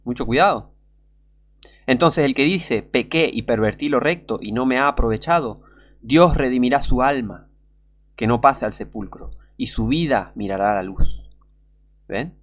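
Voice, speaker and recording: A man with a Rioplatense Spanish accent preaching a sermon, urgent and pleading, sometimes breaking into shouts. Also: medium pitch, measured pace, long pauses.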